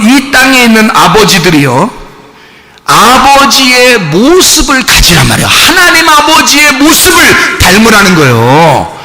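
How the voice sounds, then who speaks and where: A male pastor preaching a sermon in a church, animated and acting out the voices he quotes. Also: sits high, vocal fry. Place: church sanctuary. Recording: reverberant church hall with faint noise.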